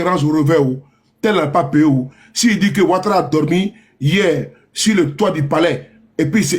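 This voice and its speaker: Mocking man ranting sarcastically. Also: on the high side. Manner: mocking, repetitive, laughs at his own sarcasm. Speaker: political commentator. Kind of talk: sarcastic political rant.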